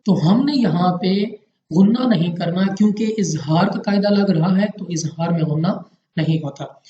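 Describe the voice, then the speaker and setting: A man's voice: high voice, moderate pace, warm tone. A man from Pakistan teaching Quran recitation rules in a patient, step-by-step lesson, repeating each rule carefully. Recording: roomy, dull lo-fi home recording.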